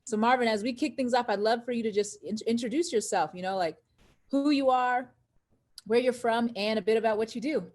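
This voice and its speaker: A woman's voice: a little high, brisk. A woman hosting a live-stream interview over a video call, upbeat and speaking straight to her viewers. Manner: upbeat, addresses viewers directly. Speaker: host.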